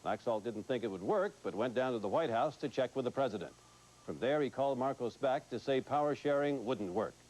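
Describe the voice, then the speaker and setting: A man anchoring a TV news broadcast in a measured, clear delivery. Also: medium pitch, lively intonation, a little mellow, rough recording.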